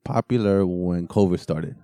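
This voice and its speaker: A man's voice: sits low, unhurried, dark tone, no room sound. A man co-hosting a casual podcast, laid-back, laughing often and trailing off mid-sentence. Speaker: podcast co-host.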